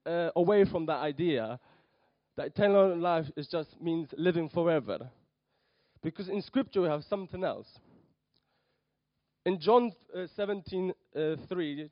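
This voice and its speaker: A young man from Poland, raised in London, gives a nervous, hesitant sermon in church as a lay preacher, full of ums and restarts. His voice is a little high at a moderate pace, and the recording is dry and dull.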